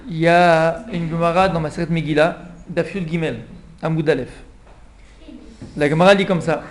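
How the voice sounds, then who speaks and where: A rabbi with a high voice tells the story to a small class in a lively way and plays out the king's pleading. The room rings with echo, and a faint hum runs underneath. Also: moderate pace. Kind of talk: Purim Torah class.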